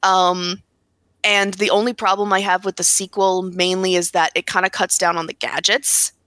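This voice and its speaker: A woman chatting casually about video games on a podcast, talking fast with lots of "like" fillers and restarts. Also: lowish voice, level tone, a bit bright, no room sound. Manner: rapid, full of "like" fillers and restarts. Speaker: podcast panelist.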